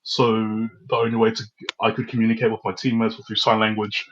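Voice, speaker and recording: A young New Zealand man, guesting on a podcast, tells stories casually and lively, acting out what people said. His voice is husky and fairly low, and he talks fast. The sound is lo-fi.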